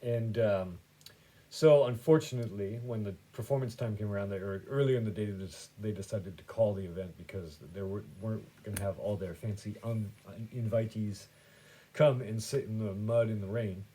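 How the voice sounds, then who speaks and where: Rambling man with a dark, low voice. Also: moderate pace. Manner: rambling, many fillers and restarts; easily amused, swings between quiet and loud. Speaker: podcast host. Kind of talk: casual storytelling.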